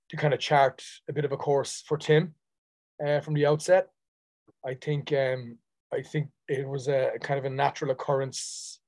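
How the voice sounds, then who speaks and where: A man's voice: a little high, a little mellow, no echo. A man from Dublin with a Dublin accent, an actor being interviewed, talking in a friendly way with many fillers. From Dublin, Ireland. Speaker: actor guest. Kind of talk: conversational interview.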